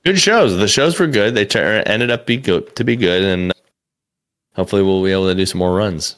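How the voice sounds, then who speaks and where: Lowish in pitch but lively in intonation, a young man's fairly bright voice runs a little fast as he tells a meandering story. He's a comedian and podcast co-host, and he swears casually, says "like" a lot and keeps restarting.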